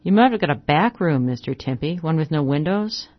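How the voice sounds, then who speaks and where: A reader voicing a calm young male deputy marshal in a western story reading, speaking softly and evenly without emotion. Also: medium pitch, brisk, dull audio, close to an everyday voice. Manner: soft, even, without emotion.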